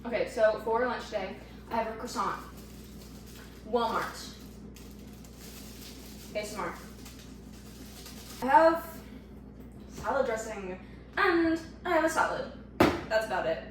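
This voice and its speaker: A woman's voice: on the high side, expressive, unhurried, pauses often, recorded from a distance. Sick teen girl vlogging in an echoey room. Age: teens. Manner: chatty, rambling, self-deprecating. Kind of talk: casual vlog talk to camera. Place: at home. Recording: echoey room, voice from off mic, faint noise.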